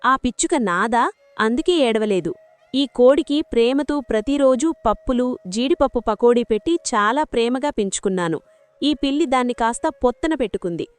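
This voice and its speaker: A woman voicing a village husband who wails in long drawn-out cries over his pet hen. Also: mid-range voice, lively intonation, dark tone, natural voice. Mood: wailing.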